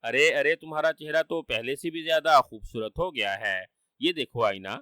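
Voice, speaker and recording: A man's voice: mid-range voice, pushed and bright, no room sound, clean studio sound, natural voice. A man voicing a wily trickster who fakes dying, whining and sly.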